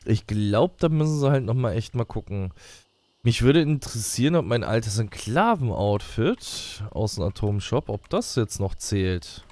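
A man's voice: lowish voice, very animated, a little slow, darkish tone, no echo. A man giving casual, colloquial let's play commentary, musing to himself as he goes.

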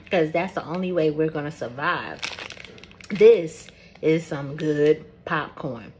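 A woman hosting a casual cooking vlog, chatting and tasting food on camera. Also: lowish voice. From Georgia, US. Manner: chatty, tastes on camera with mouth full. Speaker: cooking channel host. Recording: audible background noise.

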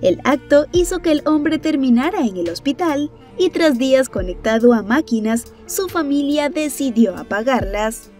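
A woman narrating entertainment news in a brisk, even newsreader delivery. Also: high voice, soft background music.

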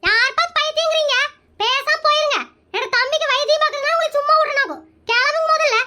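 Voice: very high voice, fast, bright, forceful tone, exaggerated voice. A performer voicing a bossy, meddling middle-aged aunt in a comedy cartoon, scolding and nagging everyone around her.

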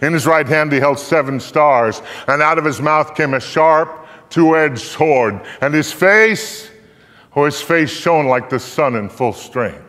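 On a theater stage indoors, an older man gives a solemn, declamatory live recitation of scripture, drawing out phrases for emphasis. His voice is on the high side and a bit bright, and he speaks a little slowly. The echoey hall adds long reverb.

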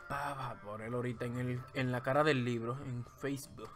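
A man's voice: mid-range voice, steady tone, fairly quick, soft background music. A man with a Dominican Spanish accent, streaming from home as he draws and giving playful, rambling commentary into a desk microphone. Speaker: streamer drawing live. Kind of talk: joking running commentary while drawing.

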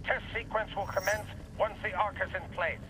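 Man playing a high-pitched, stern military commander. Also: fairly even intonation, normal speed, very noisy, close to an everyday voice. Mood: commanding, resolute. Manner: authoritative, giving orders. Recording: game audio under loud music.

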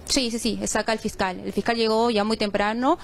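A woman from Peru delivering a live news report from a crime scene, measured and a little halting. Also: on the high side, fairly even intonation, gravelly. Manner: measured, with frequent fillers. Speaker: field reporter. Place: outdoors on a street at a crime scene.

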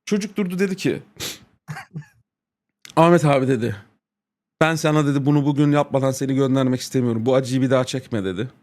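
A man's voice: mid-range voice, fast, pauses often, a little mellow. A man streaming, telling a crude, profane story in casual chat, laughing often and quoting people with repeated "he said".

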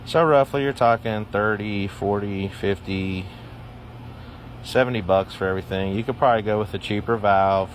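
Male DIY vlogger, deep voice, easygoing rambling delivery, outdoor phone recording with steady background noise. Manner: relaxed, plain-spoken, rambling with fillers. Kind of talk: casual how-to explanation. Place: outdoors in a yard.

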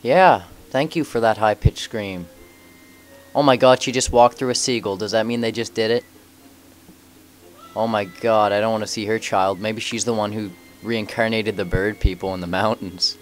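Joking man with a lowish voice. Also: steady tone, moderate pace. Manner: joking, wisecracks at game characters. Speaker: let's play commentator. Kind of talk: casual gameplay commentary.

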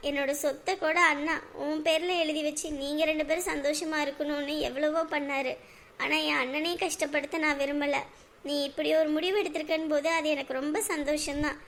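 A woman's voice: high voice, fairly bright tone, slight background noise. An actress playing a young woman who insistently pleads with the man she wants to marry in a web drama. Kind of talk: Tamil web drama acting.

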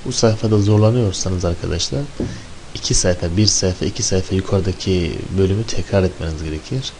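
A man's voice: low voice, a little fast, a little mellow, slight background noise. A man teaching an Arabic lesson, drilling syllables one by one and asking rhetorical questions as he explains. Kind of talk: recorded lesson.

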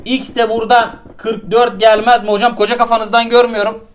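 High-voiced, exasperated male math tutor. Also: level tone, brisk. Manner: exasperated, crude scolding with swearing. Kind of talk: comedic geometry lesson.

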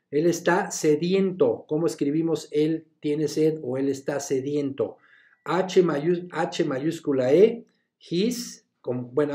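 Slow, spelling-out male teacher. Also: a little high, warm tone. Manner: slow, spells words letter by letter; switches between Spanish and English. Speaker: English teacher. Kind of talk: recorded class lesson.

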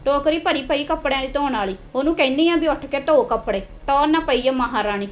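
A woman playing a sharp-tongued wife who scolds her husband sarcastically. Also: high voice, a little fast, roomy sound, lightly acted. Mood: scolding. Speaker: nagging wife in a family drama.

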